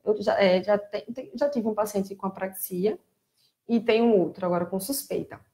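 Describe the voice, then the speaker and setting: A Brazilian woman who works as a child speech therapist talks casually on a live stream, explaining things plainly and getting animated when she mimics children. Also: mid-range voice, moderate pace. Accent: Brazilian Portuguese.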